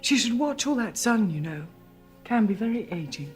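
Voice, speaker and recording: Actress as a poised, icily sarcastic English wife. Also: female voice, medium pitch, very animated, moderate pace, soft background music, lightly acted. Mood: politely barbed. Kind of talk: period television drama acting.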